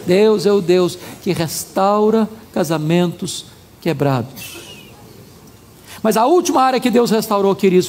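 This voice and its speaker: A male pastor preaching a sermon with animated, humorous storytelling. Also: high voice, big-room sound, a little hiss or hum.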